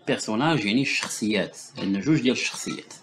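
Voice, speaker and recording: A woman with a Moroccan accent teaching French to a child, patient, asking questions and repeating sounds slowly. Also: a bass voice, lively intonation, slight background noise. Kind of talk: bilingual language lesson with a child.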